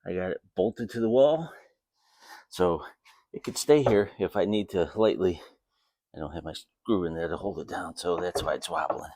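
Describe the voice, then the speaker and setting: A man with a low voice talks casually in his garage workshop. He explains things in a plain, informal way as he works, and the sound is dry with little room echo. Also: moderate pace, darkish tone. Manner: plainspoken, informal, talking while working. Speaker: DIY video host.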